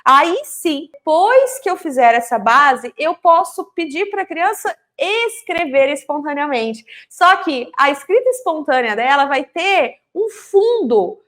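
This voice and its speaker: A woman with a bright, high-pitched voice gives an explanatory lesson on early literacy. She talks straight to her viewers, often checking in with them. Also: very animated, unhurried, few pauses. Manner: explanatory, addresses viewers directly, acts out teacher-child dialogue. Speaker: literacy educator. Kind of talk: teaching video for teachers and parents.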